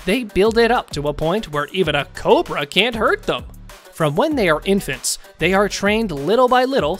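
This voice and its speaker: A narrator voices a scripted countdown video in a middle register, and the pitch leaps up and down all the way through. The delivery has a sing-song lilt, and faint music plays behind it. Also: fairly bright tone.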